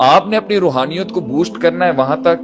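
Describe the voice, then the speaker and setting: A man's voice: on the high side, fairly quick. A man preaching a motivational sermon, pressing his point with repeated rhetorical phrases and English terms mixed in. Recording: music playing under the voice.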